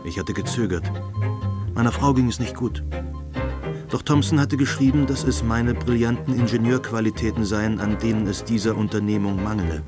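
A man's voice: fairly low pitch, moderate pace, music in the background, close to an everyday voice. An actor playing a reflective engineer, narrating his story in the first person in a German audio drama. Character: reflective male engineer recounting his past.

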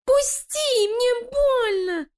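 Woman doing a squeaky frightened rat. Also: very slow, darkish tone, full character voice. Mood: panicked. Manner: whimpering, squeaky, pleading. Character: frightened small male rat.

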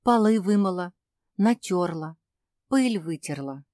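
A woman's voice: on the low side, lively intonation, measured pace, dark tone, dry recording, studio quality. A woman doing a meek, mistreated young dog girl. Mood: timid. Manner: timid, pleading.

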